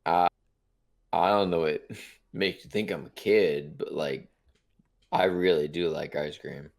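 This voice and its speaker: A man in his twenties co-hosting a gaming podcast, teasing and deadpan in a laid-back way. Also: low voice, unhurried, vocal fry. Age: 20s. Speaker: podcast co-host. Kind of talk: casual chat.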